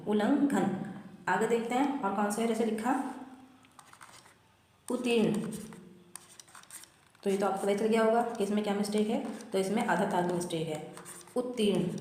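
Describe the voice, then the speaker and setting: A woman teaching Hindi spelling, patiently repeating words slowly syllable by syllable as she writes. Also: mid-range voice, darkish tone. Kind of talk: explaining spelling mistakes while writing. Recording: very echoey room with long reverb.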